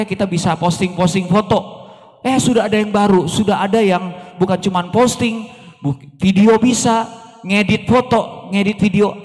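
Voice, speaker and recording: A man in his forties giving a seminar talk in a church hall, lively and often asking the audience questions. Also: high voice. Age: 40s. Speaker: seminar speaker. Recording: long reverb of a large hall.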